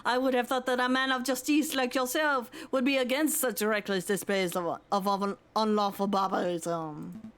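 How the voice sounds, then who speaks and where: A woman's voice: a little high, steady tone, moderate pace, clear, resonant tone, natural voice. A woman streamer voicing a prim, proper male bird lawyer, reading the game's dialogue with mock formality. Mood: scolding.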